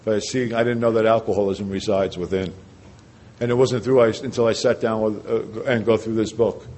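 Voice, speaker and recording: Fairly low in pitch and a bit mellow, this man's voice stays fairly even at a moderate pace. He is a recovery speaker from New Jersey telling a meeting his personal story, earnest and full of rhetorical questions and repetition.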